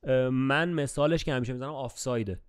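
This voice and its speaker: A man's voice: mid-range voice, smooth. A young man co-hosting a podcast in casual banter, arguing his points and explaining with examples. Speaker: podcast co-host.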